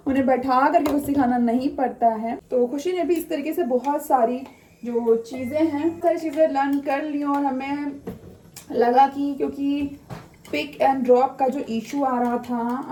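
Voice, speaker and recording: A woman's voice: high voice, dark tone, slight background noise. A woman with an Indian accent chatting casually in a home vlog as a mother. She mixes English words into her talk and uses many fillers. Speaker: mother vlogger. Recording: echoey room, mic somewhat far.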